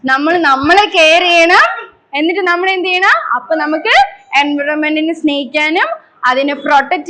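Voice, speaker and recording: High-voiced woman coaxing a school class. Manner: coaxing, repeats questions to the class; leads a slow, loud group pledge. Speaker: environment day class leader for schoolchildren. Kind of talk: classroom talk to young children. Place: school gathering with children. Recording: noisy school room recording.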